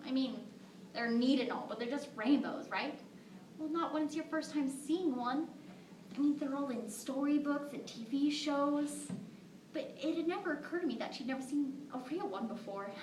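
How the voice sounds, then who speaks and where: A woman's voice: high voice, moderate pace, darkish tone, lightly acted. A woman playing a devoted young mother in a dramatic monologue, telling stories conversationally with asides to listeners. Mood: wistful wonder. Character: devoted young mother fondly recalling her daughter. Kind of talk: dramatic monologue performed at a competition. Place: echoing room, recorded from a distance. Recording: roomy, distant mic with faint noise.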